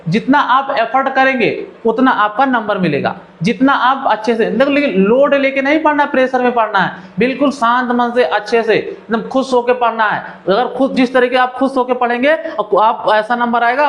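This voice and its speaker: A man's voice: very high voice, moderate pace, hardly any pauses, a bit bright. A male teacher giving an exam-oriented literature lesson, who keeps asking the class questions and answering them himself.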